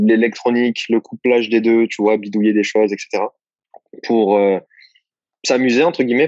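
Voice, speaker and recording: Low-voiced man, relaxed and rambling. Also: no echo, highs cut off. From south of France. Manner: relaxed, rambling storyteller with frequent restarts. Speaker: interview guest, copywriter. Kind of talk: casual interview chat.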